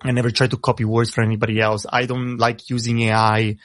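An Italian rapper, speaking English as a second language, talks fast as a guest in a casual radio interview, often repeating words as he launches into a thought. His mid-range voice stays level, and there's no echo.

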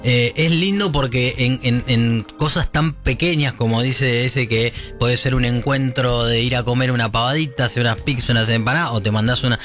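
A man's voice: medium pitch, steady tone, normal speed, few pauses, fairly bright tone, soft background music. A man with an Argentine accent hosting an evening radio show, chatting loosely with many fillers and restarts. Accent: Argentine Spanish. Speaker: radio host. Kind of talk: casual radio chat.

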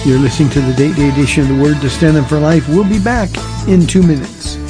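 Radio host announcing a break. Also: male voice, a little high, fast talker, over music.

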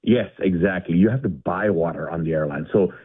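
A man's voice: low voice, fairly quick, husky. A middle-aged man from India calling in to a radio show, chatting casually and rambling with lots of fillers and restarts. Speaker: caller. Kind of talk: casual call-in chat. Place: home garage. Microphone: phone. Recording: tinny phone line.

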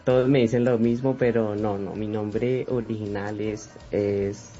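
Earnest young man, low dark voice. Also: steady tone, a little slow, faint music behind. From Colombia. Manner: earnest and reflective. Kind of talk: interview answers. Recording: dull lo-fi recording.

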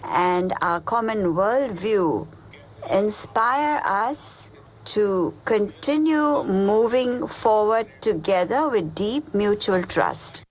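A woman working as a live interpreter, giving a measured, steady translation of a leader's speech. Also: medium pitch, rough recording.

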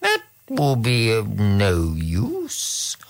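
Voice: medium pitch, huge pitch swings, extremely slow, full character voice. Margot, a sly composed cat, as a reader puts her on. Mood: cool. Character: clever calm female cat. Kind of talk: storybook reading.

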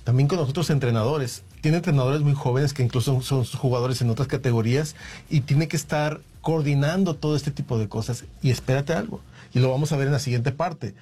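Husky male host, direct and explanatory. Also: medium pitch, fairly quick, warm tone. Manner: explanatory, addresses listeners directly. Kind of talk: talk show hosting.

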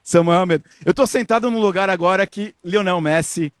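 An animated man reporting live on a stadium tour, his voice a touch high and chatty. The sound is dry and close to the mic. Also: brisk, no room sound. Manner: chatty, animated, laughing often. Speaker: field reporter.

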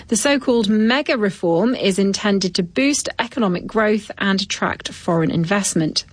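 A woman reads scripted radio news headlines in a crisp, even manner. The sound is dry and close, with no room around her voice. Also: mid-range voice, dry recording. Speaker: newsreader.

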